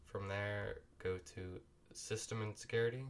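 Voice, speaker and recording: A man's voice: on the low side, steady tone, normal speed, slight background noise. A man with a sick voice walks through a coding tutorial in a casual, apologetic way, recorded at a home computer desk. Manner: loose and apologetic, talks while clicking through steps. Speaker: tutorial host.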